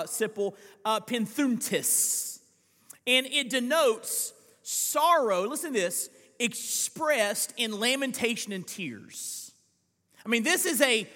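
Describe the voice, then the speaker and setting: High-voiced pastor preaching in a reverberant church. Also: male voice, bright, forceful tone. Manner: earnest preaching with rhetorical questions and scripture quotes. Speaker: senior pastor. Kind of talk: live church sermon. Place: church sanctuary.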